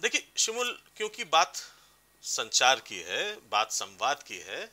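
Animated bright-voiced man explaining. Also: mid-range voice, a little slow. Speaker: career counselor guest. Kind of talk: talk show discussion. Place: TV studio.

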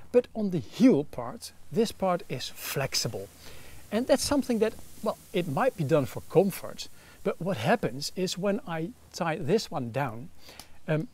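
A man's voice: high voice, a little mellow, slightly rough. A man in his thirties with a Dutch accent, explaining gear in detail with frequent fillers, recorded outdoors by a campfire. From Netherlands. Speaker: gear reviewer. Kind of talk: casual product review.

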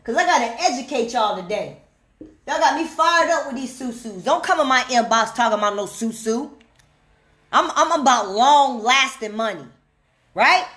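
A woman's voice: a little high, lively intonation, fairly bright tone. A woman coaching viewers on money in a fired-up rant, emphatic and preachy, repeating her points and calling out to the audience. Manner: emphatic and preachy, repeats lines slowly, calls out "hello?". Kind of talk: fired-up direct-to-camera rant.

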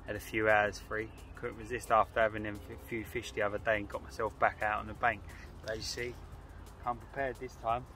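A man, excitedly talking to camera in a casual fishing vlog by a lake. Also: mid-range voice. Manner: excitable, slangy, chatty. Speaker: fishing vlogger. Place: lakeside outdoors. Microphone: phone camera, handheld or on a tripod.

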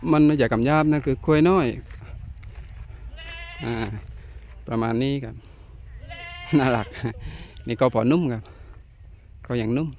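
A middle-aged man hosting his own farm vlog outdoors, talking in a relaxed, chatty way and often ending phrases with polite particles. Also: medium pitch, normal speed, long pauses, a little hiss or hum. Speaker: channel host.

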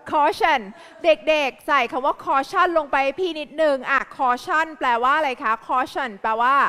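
Woman English teacher, live kids' class, quizzing manner, bright tone. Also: high voice, long reverb tail. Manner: quizzing pupils with repeated questions.

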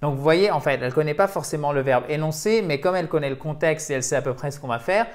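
Man teaching English, slightly high voice. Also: animated, quick pace. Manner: explains patiently, checks in with "ok?" often. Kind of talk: language lesson for French speakers.

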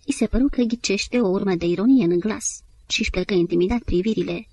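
A woman narrating an audiobook in a measured storytelling manner. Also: mid-range voice, a little mellow. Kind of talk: scripted literary narration.

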